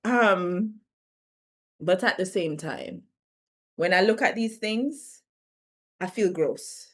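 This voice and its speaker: A woman from the Caribbean talking candidly to camera in a reflective vlog, animated and laughing between her thoughts. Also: lowish voice, takes it slowly. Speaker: vlogger.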